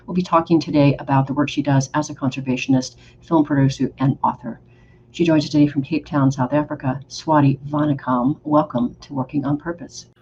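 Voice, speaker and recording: A podcast host in her fifties from Oregon, United States, asks enthusiastic, effusive interview questions in a low, mellow voice. The recording is slightly dull, with faint background noise.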